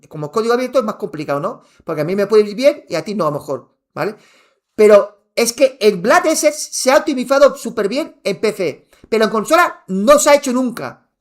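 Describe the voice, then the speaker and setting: A worked-up man from talks to his live chat in a loud, near-shouting rant, circling back over the same points and swearing freely. His voice sits fairly high for a man and swings widely in pitch as he argues. He wears headphones while he streams. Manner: heated, ranting, repeats himself, swears, near shouting. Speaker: gaming streamer answering chat. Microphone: wearing headphones.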